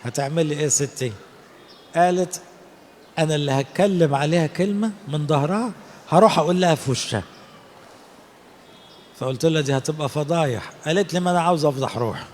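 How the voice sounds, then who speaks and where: A man's voice: fairly high pitch, a little fast, long pauses, darkish tone, in a large hall, slight background noise. A man with an Egyptian Arabic accent, a priest preaching a sermon and telling stories in which he acts out the people he quotes. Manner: storytelling, acting out quoted people. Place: cathedral.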